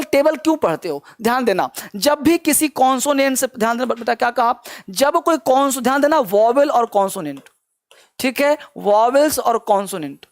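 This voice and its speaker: A man teaches a spoken-English class in a coaxing, repetitive way. He keeps stopping to make his students pay attention and to ask if they understand, then says the same word several times so it sinks in. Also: very high-pitched.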